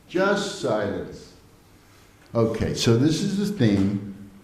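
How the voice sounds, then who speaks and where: An older man in his seventies tells anecdotes to a gathered audience, chuckling now and then as he goes. His voice is mellow and relaxed. The room around him rings with a roomy hall echo. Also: medium pitch, slow pace. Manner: lively storytelling, chuckling often. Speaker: devotional storyteller. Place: temple hall.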